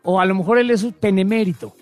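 Co-host: Mexican man, high voice, crude mocking banter, faint music behind. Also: fast talker. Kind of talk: casual comedic commentary.

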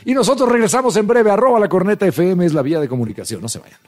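A man's voice: high voice, animated, rapid-fire, a little mellow. A man hosting a radio show, teasing and joking in playful banter.

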